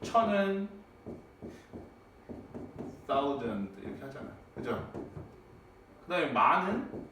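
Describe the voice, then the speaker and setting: A male English teacher gives a lively classroom lecture, his voice swinging up and down as he quizzes students with constant tag questions. He sounds a little high for a man. He is caught from far off in a very echoey room with faint background noise. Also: takes it slowly, pauses often. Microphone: far from the mic.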